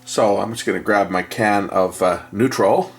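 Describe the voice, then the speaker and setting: This man has a fairly low pitch and talks at a moderate pace. As an electronics repair technician and video host, he walks through a casual, hands-on repair, explaining each step in a matter-of-fact way.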